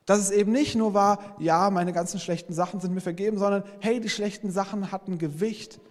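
A man's voice: high voice, steady tone, a little fast. A man preaching a sermon as pastor, earnest, speaking straight to his listeners and often breaking in with "hey". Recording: long reverb from a large hall.

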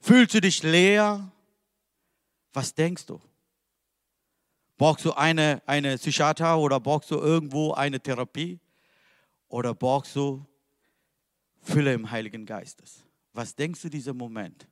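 A man's voice: mid-range voice, fairly even intonation, unhurried, pauses often, clean studio sound. Man preaching in a reverberant hall. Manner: emphatic, questioning the listeners directly. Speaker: pastor. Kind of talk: sermon.

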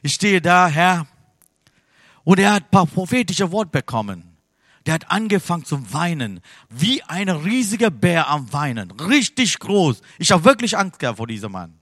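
A man from Sri Lanka preaching a sermon in with grammar slips, telling a story, then turning loud and emphatic. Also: fairly high pitch, sing-song, moderate pace, dry recording, clean studio sound. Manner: non-native German with grammar slips.

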